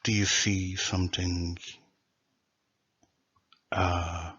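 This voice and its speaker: A man delivers a solo lecture in a low, slightly husky voice. He speaks very slowly and deliberately, setting out word after word. The recording sounds dull and lo-fi. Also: little pitch movement, a bit bright. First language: Turkish. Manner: slow, deliberate, lists words one by one. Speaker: presenter of a language theory.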